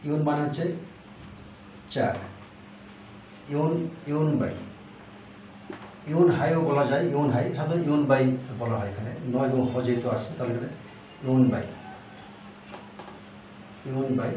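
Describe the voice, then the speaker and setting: A man teaching a language lesson, explaining step by step and repeating each word slowly, with fillers. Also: mid-range voice. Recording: echoey room, far from the mic, dull with faint hiss.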